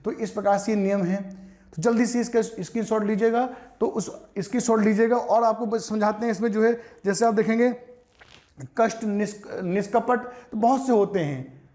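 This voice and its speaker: A man's voice: high voice, steady tone, normal speed, darkish tone. A man teaching an exam-prep Hindi spelling lesson, explaining patiently, repeating words and asking his students rhetorical questions.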